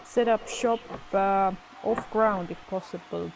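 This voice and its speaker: A woman's voice: medium pitch, slow pace, creaky. A woman playing a tabletop game, laying out her team's plan with a lot of hesitant fillers. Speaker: player. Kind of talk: planning a tabletop game move. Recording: noisy home mic.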